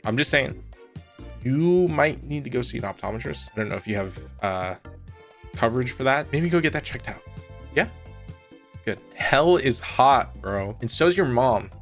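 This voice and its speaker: An online content creator hosts a comment-reading video, chatting casually and reacting to comments, including a sponsor read. His manner is sarcastic, teasing, and mock-polite, delivered in a medium-pitched, fairly bright voice.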